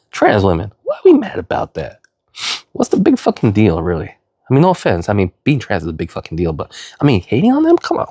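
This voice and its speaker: In a dry recording, a sniffly middle-aged man vlogs in a rambling, sincere monologue. Fillers and "you know" crowd his speech, broken occasionally by loud jumps to high emphasis.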